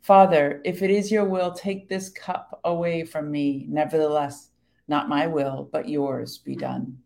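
Brief: female co-host, gravelly voice, earnest, reads verses slowly. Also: low voice, steady tone, mellow. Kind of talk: casual faith talk with scripture reading.

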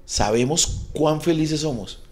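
A man's voice: on the high side, takes it slowly, darkish tone. A man with a Colombian accent, a comedian guest on a podcast, telling rambling, profane, jokey stories in casual chat.

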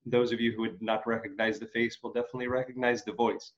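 A male interview host from Ukraine speaks earnestly over a video call from home, stumbling through many hesitations and fillers. His voice sits at a middle pitch, and the audio is somewhat muffled. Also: fairly even intonation, fast talker. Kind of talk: interview hosting. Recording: slightly muffled.

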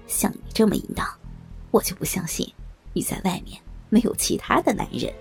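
A woman voicing a sly, smug old man in a dramatized audio story, speaking low and gloating with chuckles. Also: very animated, fairly quick, gravelly, soft background music.

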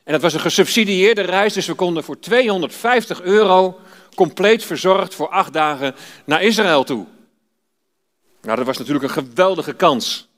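Fifty-something pastor preaching in a church. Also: male voice, high-pitched, moderate pace, a bit bright. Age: 50s. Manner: storytelling, personal. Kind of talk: sermon with scripture reading. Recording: long church reverb.

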